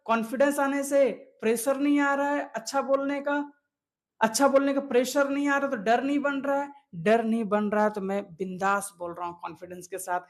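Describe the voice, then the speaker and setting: A man's voice: very high voice, fairly even intonation, moderate pace. A man who makes videos, coaching viewers in an earnest motivational talk that repeats key points and asks rhetorical questions. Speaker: video creator coaching on fluent speaking.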